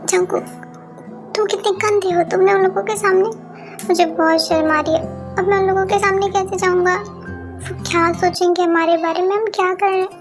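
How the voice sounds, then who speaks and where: A shy, easily embarrassed young man , voiced by a female reader whines and scolds in a high, raised voice. His words come in a flustered rush. This is a fan audio drama. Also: level tone, moderate pace, music in the background.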